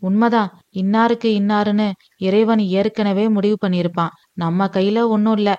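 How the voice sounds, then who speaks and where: A woman voicing a soft-hearted young bride, devoted to her father, who speaks in a soft, affectionate way. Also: medium pitch, steady tone, normal speed, no room sound, close to an everyday voice. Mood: gentle. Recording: dull, dry lo-fi recording.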